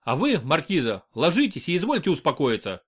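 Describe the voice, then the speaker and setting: A man's voice: a little high, wildly swooping pitch, a little fast, slightly rough, exaggerated voice. A man voicing a huge, stern male doctor who barks curt orders. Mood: commanding.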